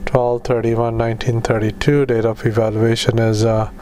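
A man speaking as a doctor doing medical dictation, in halting, clipped phrases with spoken punctuation. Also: mid-range voice, level tone, a little mellow, a little hiss or hum. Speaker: doctor dictating clinical notes.

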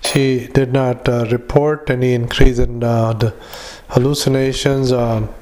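A man gives a medical dictation in a flat, even voice. He speaks as a clinician working through notes, in clipped, list-like phrases. His delivery is halting, with frequent fillers between items. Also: mid-range voice. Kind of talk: medical dictation with spoken punctuation.

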